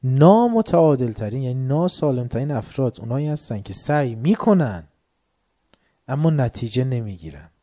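A man giving a religious lecture, swinging between soft asides and loud, heated outbursts. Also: medium pitch, very animated. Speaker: preacher.

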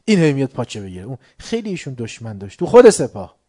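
A man giving a religious lecture, swinging between soft asides and loud, heated outbursts. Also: medium pitch, very animated. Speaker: preacher.

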